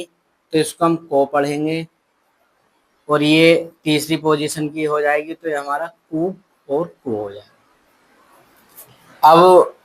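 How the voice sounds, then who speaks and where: A man with a slightly raised voice teaches a shorthand lesson at a very unhurried pace. He explains each step patiently and speaks kindly to his students, pausing often as he works through each example. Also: a little high, a bit bright, low-quality recording. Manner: slow, patient explaining, addresses students as "beta".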